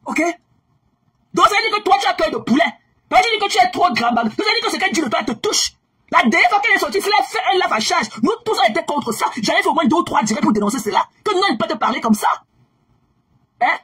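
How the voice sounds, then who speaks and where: High-pitched woman scolding heatedly. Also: very animated, quick pace, sharp tone. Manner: scolding, repetitive, swings between low and raised voice. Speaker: social media commentator. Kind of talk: heated gossip rant.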